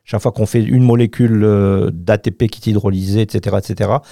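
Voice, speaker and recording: A man's voice: on the low side, fairly even intonation, fast talker, creaky, warm tone, no room sound. A man, a doctor, explaining health topics emphatically on a radio chat show into a studio mic. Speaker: doctor guest.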